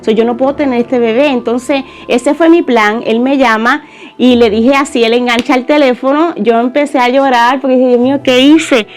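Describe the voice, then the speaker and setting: A woman's voice: a little high, fairly even intonation, moderate pace. A woman giving an earnest, conversational personal testimony in church.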